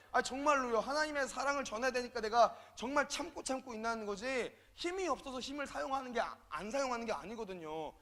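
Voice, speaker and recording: A high-pitched man giving a storytelling sermon as a youth minister. He acts out the people in his story, dropping to quiet asides and then jumping up to loud, punchy lines. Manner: animated, acts out quoted dialogue, swings between loud and soft.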